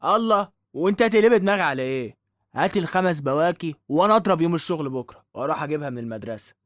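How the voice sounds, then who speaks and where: A man's voice: on the high side, animated, racing, a bit bright. A man with an Egyptian accent playing a put-upon, cheeky young working-class son in a drama, slangy and complaining. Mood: bargaining. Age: young adult. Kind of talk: dramatic dialogue.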